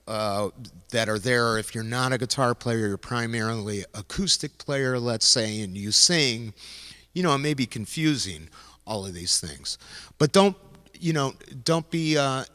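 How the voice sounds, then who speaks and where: A man's voice: mid-range voice, sharp tone, in a large hall. A man hosting a casual gear talk, rambling loosely with frequent restarts as he speaks into a handheld vocal mic. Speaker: host demonstrating music gear. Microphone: handheld vocal mic into a loop station.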